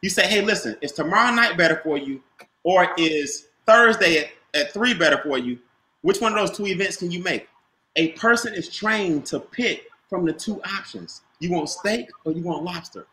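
A man's voice: high voice, lively intonation, normal speed, sharp tone, reverberant. A man coaching a group on a video call, stressing and repeating his key points and quizzing listeners. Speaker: business trainer.

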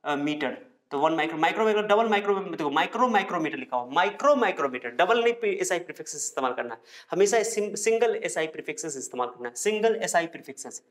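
A man with a somewhat high voice teaches a science class. He repeats each rule several times and asks the students questions, then answers them himself. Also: lively intonation, fast talker, fairly bright tone.

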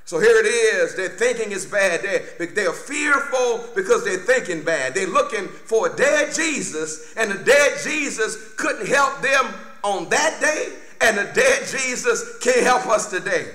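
With a high, animated, sharp voice, a middle-aged pastor keeps a measured pace and hardly pauses through a fervent Baptist Easter sermon, exclaiming and repeating phrases emphatically. He stands at the pulpit of an indoor sanctuary, speaking into a boom-stand microphone, and the room echoes.

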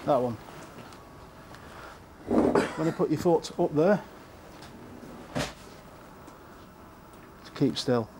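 A man working as an immigration officer, speaking calmly and procedurally in an office, with some fillers. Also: on the high side. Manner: brisk, calm and procedural, with fillers. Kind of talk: interview and on-duty talk. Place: office in a reporting centre. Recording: noisy location sound.

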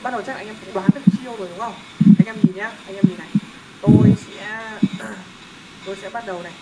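A man's voice: high-pitched, quick pace. A young man teaching a math lesson in a casual, joking way, often checking that his students are following. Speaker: math tutor. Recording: loud background noise.

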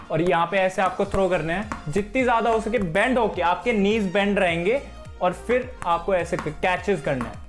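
A young man from Haryana, giving a friendly cricket drill tutorial in a room at home, speaking to a camera across the room. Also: sits high. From Haryana, India. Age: young adult. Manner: friendly instructive, addresses viewers as friends. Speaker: cricket coach.

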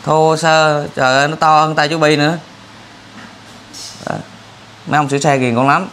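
A slightly high, fairly bright male voice with little pitch movement speaks at normal speed over slight background noise. He's a vlogger and charity host chatting casually and jokingly with a family, trying to coax their boy into coming to the city.

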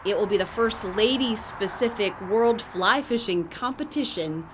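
A woman reporter with an American accent reading a scripted local news feature in a measured storytelling way. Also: mid-range voice, noisy background. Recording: voice-over with loud music bed.

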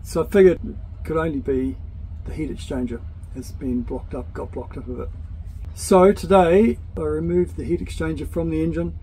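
A sailing vlogger in his forties with a New Zealand accent talks to a handheld camera at arm's length, practically and chattily explaining boat engine mechanics step by step, outdoors at sea and on deck at night. His voice is on the high side, steady and moderately paced. Loud wind and engine noise fill the low-quality recording.

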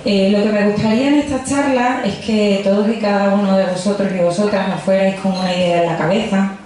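Her voice is mid-range, slightly mellow, a little fast, with fairly even intonation. She's a young woman from Extremadura, a physicist with a Badajoz accent, joking and chatting directly with the crowd during a pop-science talk in a busy pub, holding a handheld mic amid echo and faint background noise.

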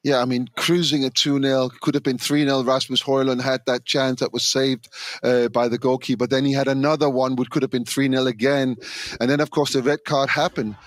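A man's voice: medium pitch, flat delivery, brisk, dry recording. A man giving frustrated, emphatic opinions as a football pundit. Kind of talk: remote studio punditry.

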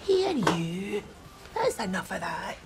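A woman's voice: mid-range voice, sing-song, takes it slowly, background noise. An actress playing a chatty, nosy older woman with a broad Scottish accent in sitcom dialogue. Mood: bossy. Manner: chatty, gossipy, rambling.

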